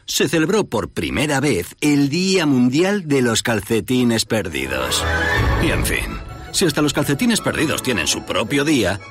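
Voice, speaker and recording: A man's voice: mid-range voice, very animated, unhurried. A man with an accent from Spain reading a scripted advert as a voice-over. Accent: Spanish from Spain. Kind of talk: scripted lottery advert narration. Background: music bed.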